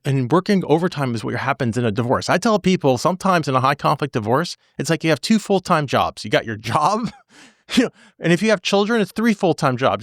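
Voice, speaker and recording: A man's voice: on the high side, fairly bright tone, dry recording, clean studio sound. A man in his forties hosting a podcast as a divorce attorney, talking casually and animatedly, repeating phrases for emphasis.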